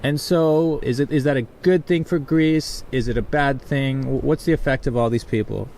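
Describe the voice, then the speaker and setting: A man's voice: mid-range voice, normal speed, a little mellow, slight background noise. A man hosting a travel vlog, asking strangers questions outdoors in a city with a handheld mic. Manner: friendly, curious questioner. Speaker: travel vlogger and street interviewer. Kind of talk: casual vlog narration and interviewing.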